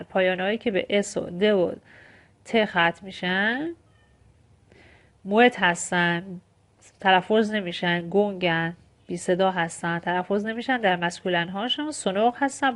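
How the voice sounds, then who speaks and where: A woman whose first language is Persian teaches French grammar in an online lesson, explaining step by step and reading French examples slowly and deliberately. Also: medium pitch.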